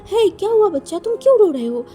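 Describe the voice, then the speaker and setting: A woman voicing a doting middle-aged mother who fusses loudly over her new son-in-law in a high, gushing voice. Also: lively intonation, moderate pace.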